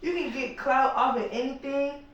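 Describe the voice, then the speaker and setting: A rapper guest talking casually and emphatically on a podcast, with lots of slang and cursing. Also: male voice, very high voice, steady tone, normal speed, fairly bright tone, dull audio. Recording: echoey room, mic at a distance.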